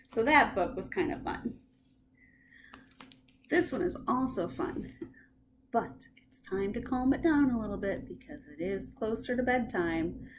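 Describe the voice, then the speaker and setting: Animated woman reading bedtime stories. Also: a little high, a little hiss or hum. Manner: expressive, animated storytelling. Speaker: librarian.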